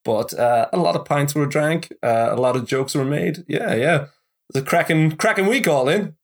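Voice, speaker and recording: A man's voice: fairly high pitch, moderate pace. A man co-hosting a gaming podcast, telling stories in an easygoing, laughing way. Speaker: podcast co-host. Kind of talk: casual chat.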